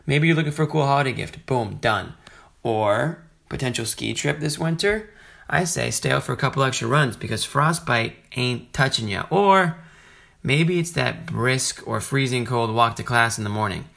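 A man's voice: mid-range voice, lively intonation, moderate pace, vocal fry, fairly bright tone. A man delivering a conversational, scripted sponsor read straight to listeners. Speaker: sponsor ad reader.

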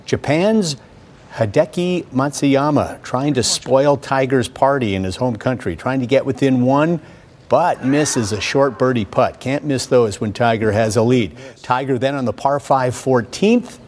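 A man working as a sports anchor, narrating highlights like a golf commentator in short, punchy, present-tense phrases. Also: a little slow, darkish tone, slight background noise.

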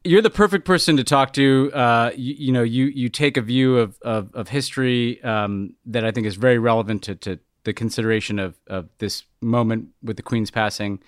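Guy hosting a podcast, chatty and halting, repeats himself while thinking, dry sound no room. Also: mid-range voice, dry recording. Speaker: podcast host. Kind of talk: casual conversation and interviewing.

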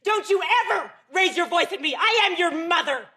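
An actress playing a furious middle-aged mother who shouts at her son at the dinner table, in a played film clip. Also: very high voice, animated, fairly quick, heavily acted. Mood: enraged. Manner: shouting, venomous. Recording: film clip with loud noise.

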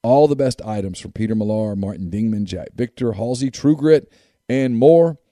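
A man's voice: on the low side, lively intonation, normal speed, warm tone, no echo, studio quality. A man, hosting a sports podcast with sponsor reads and casual talk.

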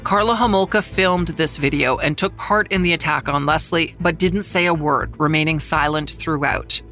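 A middle-aged journalist narrating a true-crime story in a measured, somber way, slowing down on the grave details. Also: medium pitch, pushed and bright, faint music behind. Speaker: journalist who covered the trial, narrating.

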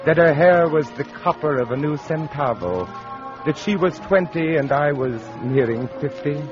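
An actor playing a graying, fatalistic writer near fifty, narrating an old radio drama in a literate, melodramatic way. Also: male voice, a little high, lively intonation, moderate pace, lightly acted. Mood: wistful, ominous. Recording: dull lo-fi old radio recording. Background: prominent music.

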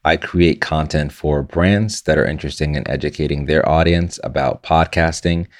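A man's voice: very deep voice, fairly even intonation, moderate pace. A man from Zimbabwe, a content creator, earnestly and reflectively telling his own story as a podcast guest. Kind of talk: personal storytelling in a podcast interview.

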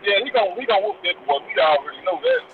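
A man from Mississippi calling in over the phone to a talk show, chatty and animated. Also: high-pitched, fast, over a noisy crowd. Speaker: call-in caller. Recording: tinny phone line with background noise.

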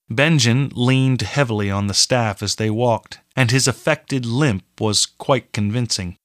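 A man narrating a fantasy audiobook in a steady, measured way. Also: mid-range voice, no room sound, studio quality.

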